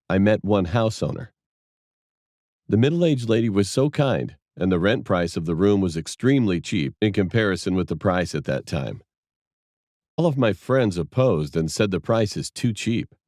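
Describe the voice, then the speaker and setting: A man's voice: on the low side, a little mellow, no echo, studio quality. A man narrating a first-person horror story in a plain, matter-of-fact way.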